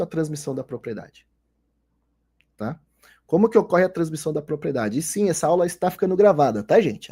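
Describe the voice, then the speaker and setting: A man's voice: sits high, mellow, slightly rough. A man with a Brazilian Portuguese accent giving a recorded online law lecture, explaining step by step and checking in with rhetorical questions. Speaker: law lecturer, former notary clerk.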